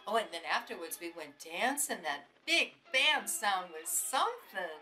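An actress playing a forgetful, wistful older grandmother in a horror-comedy film, talking in a dreamy, drawn-out way. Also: fairly high pitch, animated, sharp tone, distant mic, soft background music. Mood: nostalgic. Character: forgetful, wistful grandmother missing her husband. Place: living room, indoors.

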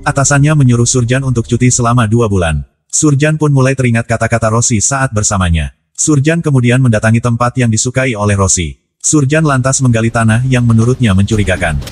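A man with an Indonesian accent reads a scripted movie recap at a rapid clip. His voice sits in an ordinary middle register, and his storytelling delivery stays brisk and even as he moves from one scene to the next. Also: mid-range voice, faint music behind. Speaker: film recap narrator. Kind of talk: scripted film recap narration.

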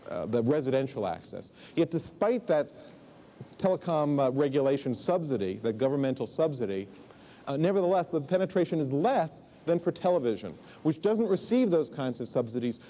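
A man in his forties gives a keynote on a big conference stage, speaking into a lapel mic. His voice is medium in pitch with a dark tone, and he explains things conversationally, full of asides and fillers.

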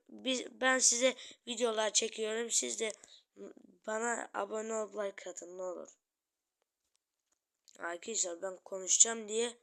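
A woman giving excited live gameplay commentary as a channel host, talking to her viewers and yelling taunts at opponents. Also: medium pitch, creaky.

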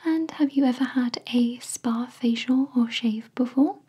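Taking the role of a spa therapist, a woman whispers softly for an ASMR roleplay. Her breathy, airy delivery never lets up; she sounds a little higher-pitched, mellow and soothing, moving slowly and attentively through each word.

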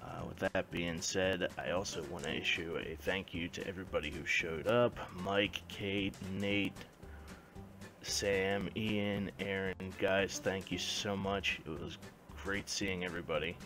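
A young man speaks in a low-pitched voice, giving a casual video update. He sounds like a gaming vlogger chatting into a headset in a small room. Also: steady tone, moderate pace, music in the background. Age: young adult. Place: small bedroom indoors.

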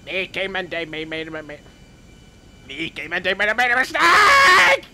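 A man's voice: on the high side, steady tone, brisk, sharp tone, slight background noise. A man doing a dim caveman gamer. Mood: goofy. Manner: broken caveman grammar, third person, sudden yelps. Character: dim-witted male caveman gamer, clumsy and excitable. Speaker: gameplay commentator. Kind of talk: playful game commentary in character.

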